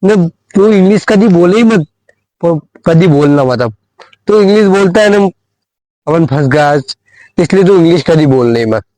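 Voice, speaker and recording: A man's voice: fairly high pitch, animated, moderate pace, dark tone, no room sound, rough recording. A young man telling a school story on a phone in a casual comic vlog, rambling with many fillers and repeated phrases. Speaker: vlogger.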